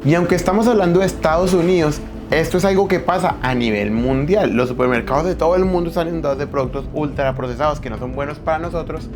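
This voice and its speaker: A man's voice: fairly high pitch, fast talker. A young man hosts an explainer video, talking emphatically and addressing the viewer directly and formally. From Colombia. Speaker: YouTube host. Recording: faint background music.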